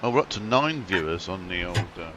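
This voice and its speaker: Man, stream host, low voice, wry joking chat, loud noisy recording. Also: lively intonation, brisk. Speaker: stream host and sim racer. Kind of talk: casual chat while racing. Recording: loud noise over the voice.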